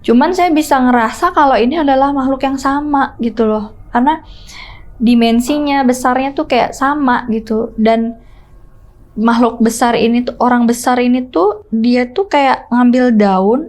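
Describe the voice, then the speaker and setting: A woman's voice: fairly high pitch, normal speed, a little mellow. A woman guest in casual conversation, recounting a personal ordeal in an earnest, emotional way. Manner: earnest and emotional, with frequent fillers and restarts. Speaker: guest storyteller.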